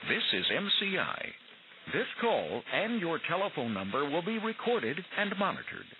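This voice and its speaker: A man's voice: on the high side, huge pitch swings, moderate pace. Male automated operator voice on a payphone call, tinny and hissy, scripted prompts. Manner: scripted, clearly spaced prompts. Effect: payphone collect call line. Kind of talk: recorded telephone announcement. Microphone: telephone handset. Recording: tinny phone line with loud hiss.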